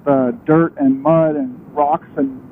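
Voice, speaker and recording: A man's voice: a little high, steady tone, slow pace, slight background noise. A young man chatting casually and in a rambling way while riding a motorcycle, his voice muffled inside a helmet. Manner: rambling, conversational, self-interrupting. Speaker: motorcycle vlogger. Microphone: helmet microphone. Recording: thin radio-like sound inside a helmet.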